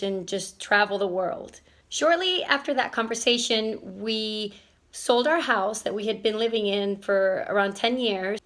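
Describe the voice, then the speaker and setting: Hosting a relaxed family vlog, a stay-at-home mother from Venezuela talks with a medium-pitched, fairly bright voice. She wanders a bit as she speaks, restarting sentences and using fillers.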